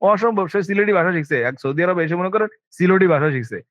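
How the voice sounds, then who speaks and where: Here a man with a high, fairly bright voice gives students an informal Arabic lesson at a fast clip, speaking with a Bangladeshi Bengali accent. He is emphatic and full of rhetorical questions. The sound is dull, lo-fi and dry, with no echo.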